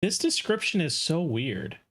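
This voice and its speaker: A man's voice: fairly high pitch, big pitch swings, measured pace, vocal fry, fairly bright tone. A man giving casual, off-the-cuff live commentary as a streamer reacting to game trailers.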